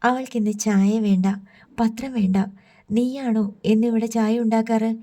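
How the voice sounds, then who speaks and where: A wounded middle-aged mother snaps at her daughter in an audiobook, read by a woman. Her voice is flat and mellow, trembling as she scolds. The hurt sits under every sharp word. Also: fairly high pitch, a little slow, close to an everyday voice. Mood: upset scolding.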